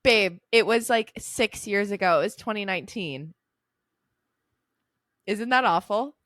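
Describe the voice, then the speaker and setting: A woman's voice: mid-range voice, a little slow, a bit bright, dry recording. A young woman in her twenties co-hosts a casual podcast in a podcast studio. She talks with a teasing, giggly manner in an ordinary midrange voice. The sound is dry and close, with no room around it. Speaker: podcast co-host. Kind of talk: casual chat.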